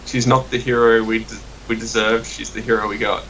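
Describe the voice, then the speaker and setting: Bright-voiced man bantering over a game. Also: medium pitch, little pitch movement, fairly quick. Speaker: gamer. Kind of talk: casual gaming banter. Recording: distant mic with faint noise.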